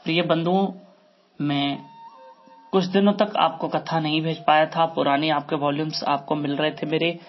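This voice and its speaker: A man's voice: a little high, fairly even intonation, moderate pace, highs cut off, soft background music. A man telling a devotional moral story as a religious storyteller, earnest and preachy, full of rhetorical questions, sounding weak after illness.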